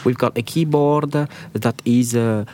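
A man putting on an Italian accent to play an Italian keyboard demonstrator speaking English in a halting sales pitch. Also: steady tone, darkish tone, a little hiss or hum, lightly acted. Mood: enthusiastic. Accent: Italian (put on).

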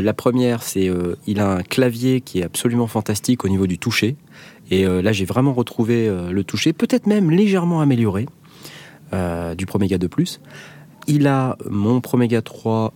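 Host, male, low voice, casual and halting delivery. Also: animated, dark tone. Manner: hesitant, many fillers. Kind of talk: casual chat.

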